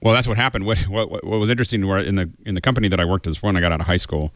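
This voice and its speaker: A man's voice: deep voice, fairly even intonation, very fast, fairly bright tone, dry recording, clean studio sound. A man in his fifties, a panelist in a casual tech chat, telling stories with tumbling restarts. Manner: chatty storyteller, tumbling restarts.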